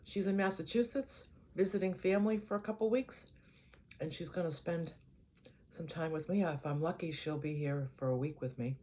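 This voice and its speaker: An older woman vlogger with a Boston accent chats casually to camera at a normal pace, her voice fairly low. She rambles in an easygoing way, often trailing off quietly.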